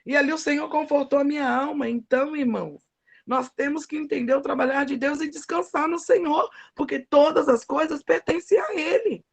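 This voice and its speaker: A woman's voice: high-pitched, a little fast, vocal fry. A middle-aged woman preaching a devotional sermon, with emphatic, folksy storytelling.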